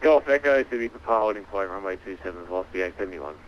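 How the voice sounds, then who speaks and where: A man's voice: sits low, animated, very fast, rough recording. A man speaking as an airline pilot over the radio, making clipped, routine calls to ground control.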